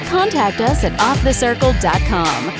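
A woman's voice: fairly high pitch, sing-song, normal speed. A woman reading a scripted promotional voice-over as a podcast announcer. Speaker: outro announcer. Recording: loud music under voice. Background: loud music.

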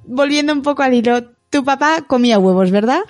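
A woman co-hosts a relaxed podcast. She speaks in a reflective, measured way and guides the talk back to the topic. Soft music sits in the background. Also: high voice, dry recording. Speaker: podcast co-host. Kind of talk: casual podcast chat.

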